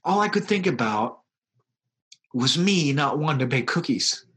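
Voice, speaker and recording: A man, a pastor, telling a personal story in an interview, animated and acting out quoted voices. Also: fairly high pitch, unhurried. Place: lives in South Dakota.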